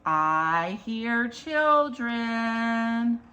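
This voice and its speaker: Reading a picture book to small children, this woman uses a slightly high, animated voice with a sharp tone. She works as a children's story time reader, moving at a slow, deliberate pace with singsong repetition and simple asides addressed to her young listeners.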